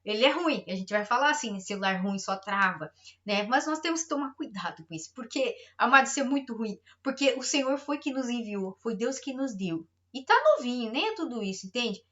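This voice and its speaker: A woman's voice: on the high side, animated, a little fast, few pauses, dull audio. A middle-aged woman pastor preaching a sermon, emphatic and repetitive, acting out everyday complaints.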